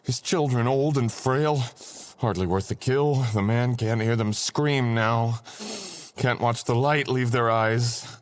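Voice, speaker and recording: In a boyfriend ASMR audio roleplay, a man plays a dangerous, vengeful ancient sorcerer freed from long imprisonment, bitter, agitated and menacing. His natural mid-range voice is husky and breathy, often dropping to a whisper, with dramatic, threatening pauses.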